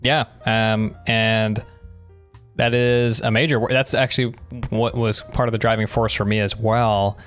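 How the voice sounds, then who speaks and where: A lowish, fairly bright male voice speaks unhurriedly in a steady tone while faint music plays. He's a young podcast co-host in a casual conversation, explaining his opinions as he chats.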